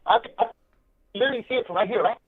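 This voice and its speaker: A man's voice: high voice, racing, slightly rough, no echo. Man on a choppy, underwater-sounding phone line. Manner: excited, loud, swearing freely. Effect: choppy, garbled phone audio that sounds underwater. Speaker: caller on a prison phone line. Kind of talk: casual phone chat mixing in Spanish. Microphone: prison phone handset.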